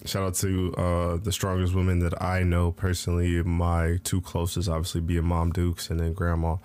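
A man with a low-pitched voice talks as a podcast co-host. He chats casually and rambles, peppering his explanations with slang and swear words. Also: monotone, moderate pace, darkish tone, dry recording. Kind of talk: casual chat.

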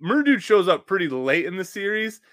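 A man's voice: high voice, big pitch swings, normal speed, fairly bright tone, no room sound, studio quality. A man co-hosting a fan podcast in a casual, chatty, agreeable way. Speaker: podcast co-host. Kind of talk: casual chat.

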